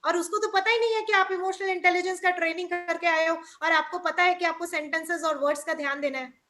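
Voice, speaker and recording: Really high-pitched woman trainer, upbeat n enthusiastic, on a video call. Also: steady tone, fast talker. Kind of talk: webinar talk.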